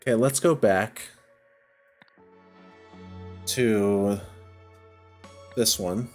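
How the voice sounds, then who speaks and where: Over faint background music, a man with a fairly low voice draws out his words. Hosting a game playthrough, he works through a puzzle with casual, hesitant commentary, often second-guessing himself aloud.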